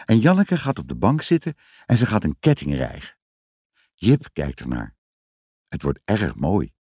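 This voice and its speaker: A man reading a children's story aloud in an expressive, sing-song storytelling manner. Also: deep voice, unhurried, breathy edge, no echo, studio quality. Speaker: narrator.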